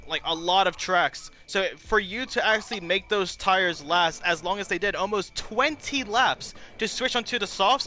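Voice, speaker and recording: A man with a high-pitched, bright and sharp voice. He co-hosts in a casual commentary style, explaining things patiently and encouragingly. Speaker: co-host and race commentator.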